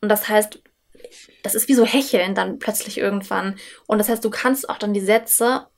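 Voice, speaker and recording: Woman talking calmly about stage nerves. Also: medium pitch, normal speed, vocal fry. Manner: reflective, talks at length about nerves. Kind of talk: casual conversation.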